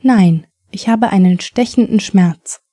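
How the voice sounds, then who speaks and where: A woman reading the lines of an adult male patient with an injured arm in a plain, even voice. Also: high-pitched, unhurried, no echo, clean studio sound.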